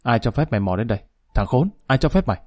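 A man's voice: fairly low pitch, quick pace, darkish tone, close to an everyday voice. A man reading the lines of a harsh gang boss giving curt orders in a storybook narration. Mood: menacing. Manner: gruff, commanding.

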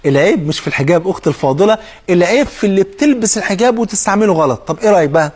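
A man with an Egyptian accent preaches at a rapid clip in a high voice. His tone is husky, and he speaks straight to the listener with pointed questions. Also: animated, a little mellow. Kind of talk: sermon.

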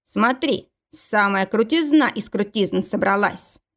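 Woman reading as male gang guard, young, calm, teasing, easygoing, audiobook. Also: mid-range voice, takes it slowly. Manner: relaxed, teasing.

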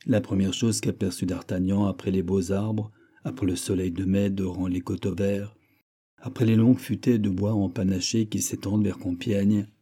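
A man narrates a classic novel in a measured, steady way. His voice is low and very dark, with a husky edge. The reading is even and unhurried. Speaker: audiobook reader.

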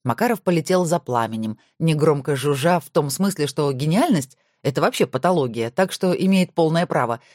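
A woman narrating a novel aloud in an even storytelling manner. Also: sits low, brisk, few pauses, no echo, clean studio sound. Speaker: audiobook narrator.

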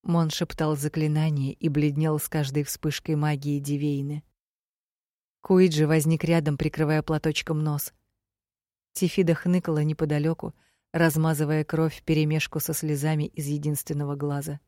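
A young woman narrates a first-person fantasy story with a low, mellow voice. Her reading is steady and measured, and the sound is close and dry with no room in it. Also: no echo. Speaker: audiobook narrator.

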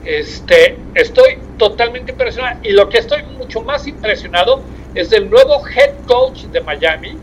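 Un comentarista de deportes con acento mexicano conversa desde su coche en movimiento; tiene voz masculina aguda y se le nota animado, aunque habla pausado, con vacilaciones y muchas muletillas. Todo llega por un móvil cuya línea se rompe y cruje, con grabación lo-fi y ruido leve.

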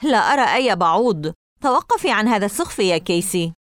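A woman's voice: mid-range voice, animated, fast talker, fairly bright tone, dry recording, studio quality, close to an everyday voice. A woman reading aloud and voicing a mocking, dismissive young boy in an audiobook. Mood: scoffing. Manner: sarcastic, dismissive. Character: scoffing, mocking boy of about twelve.

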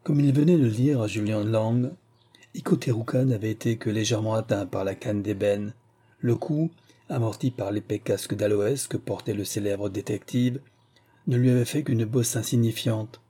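Man, audiobook narration, dark tone, husky voice, steady reading. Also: on the low side, moderate pace. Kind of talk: scripted narration.

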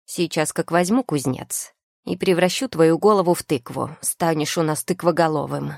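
A woman voicing a grumpy, loud-mouthed male furry familiar creature who scolds and yells indignantly. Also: deep voice, normal speed, creaky, no echo, clean studio sound. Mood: grumbling, indignant.

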